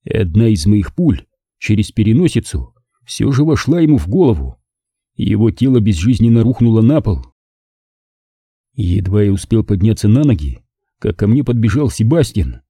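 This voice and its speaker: A man narrating a first-person detective story as an audiobook, with an expressive storytelling manner. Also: lowish voice, breathy edge, dry recording, studio quality.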